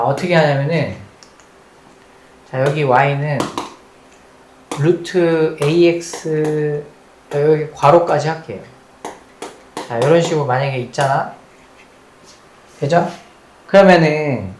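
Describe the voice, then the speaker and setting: Speaking in a medium-pitched, darkish tone, this math teacher lectures unhurriedly at the board with long pauses. Students are quizzed and key points repeated, the speech shifting between polite and casual. There's a roomy echo and faint background noise on the recording.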